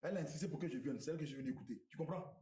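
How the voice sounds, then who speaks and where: A man's voice: fairly high pitch, racing, reverberant, a little hiss or hum, close to an everyday voice. An actor playing a stern, authoritative older father-in-law with an Ivorian French accent who scolds firmly. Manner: firm, scolding, calm fatherly tone.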